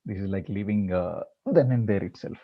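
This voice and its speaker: A man teaching a meditation class, talking in a halting way with many repeated words and fillers before leading the practice. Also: on the low side, gravelly, muffled recording. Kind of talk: talk before guided meditation.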